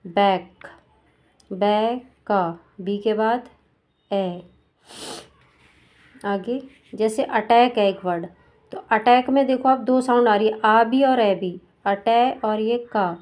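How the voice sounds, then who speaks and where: Woman, teacher, higher voice, sounds out syllables slowly, asks questions while explaining. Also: a little mellow. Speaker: shorthand teacher. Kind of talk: step-by-step lesson explanation.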